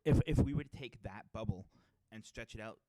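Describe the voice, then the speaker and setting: A man's voice: lowish voice, brisk, dark tone, no echo. A young man from the Boston area with a Boston accent, co-hosting a podcast in a rambling, casual way full of fillers and restarts. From Metro West Boston area. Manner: rambling, laid-back, with many fillers and restarts. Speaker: podcast co-host. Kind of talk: casual chat. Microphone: podcast mic.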